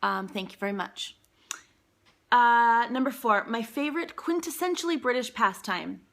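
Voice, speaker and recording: A woman's voice: on the high side, moderate pace, a bit bright. A woman vlogging in casual chat, rambling along with frequent ums and asides as she answers a list of questions.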